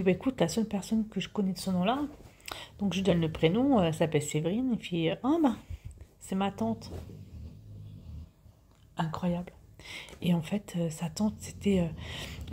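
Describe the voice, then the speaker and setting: A woman's voice: mid-range voice, dark tone, a little hiss or hum. A woman in her fifties telling a story to her viewers in a chatty way, full of fillers and restarts, sometimes dropping to a whisper. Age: 50s. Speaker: vlogger.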